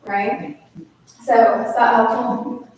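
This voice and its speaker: Woman, workshop presenter, casual and lively, slightly high voice, distant mic, echoey hall. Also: slow pace. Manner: lively, casual, acts out client quotes. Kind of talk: conference workshop talk. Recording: echoey hall from far off, faint noise.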